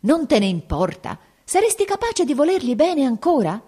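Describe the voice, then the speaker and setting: A woman reading the part of a furious older nobleman father who shouts scornful rebukes in an audiobook. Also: mid-range voice, lively intonation, moderate pace, pitched above the performer's own voice, close to an everyday voice. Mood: angry.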